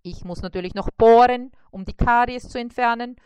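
A woman doing a brisk mosquito dentist. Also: a little high, a little mellow, smooth, dry recording, pitched above the performer's own voice, natural voice. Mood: businesslike. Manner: brisk, businesslike and reassuring. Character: scrawny male mosquito dentist, brisk and polite.

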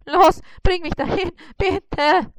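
A woman's voice: extremely high pitch, takes it slowly, no room sound, pitched above the performer's own voice. A woman doing a wailing, whiny cartoonish spider. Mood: moaning. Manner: moaning and wailing in pain. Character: whiny male cross spider, timid and self-pitying.

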